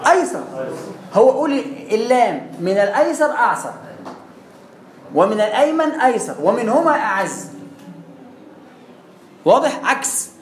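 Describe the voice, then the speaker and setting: A man with an Egyptian Arabic accent teaching Quran recitation, demonstrating sounds over and over and asking rhetorical questions. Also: very high voice. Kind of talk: explanatory classroom lesson. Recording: echoey room with faint noise.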